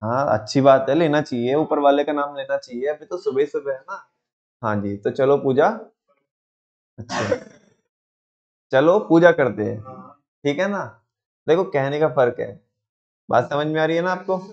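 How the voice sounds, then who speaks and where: A man's voice: on the high side, moderate pace, pauses often, a little mellow. Storytelling male business teacher, lo-fi. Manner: storytelling, asks students questions, acts out quotes. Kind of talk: lively classroom lecture with acted examples.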